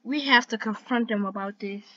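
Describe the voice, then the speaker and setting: Woman doing casual reaction commentary, kinda high voice, muffled mic with some noise. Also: normal speed, fairly bright tone. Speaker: host of a reaction video. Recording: dull lo-fi audio with background noise.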